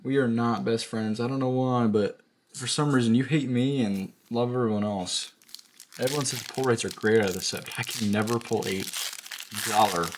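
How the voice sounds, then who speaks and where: A man hosting a card pack-opening video, chatting casually to camera with lots of fillers and self-corrections, his voice going a little hoarse. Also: fairly low pitch, a little hiss or hum.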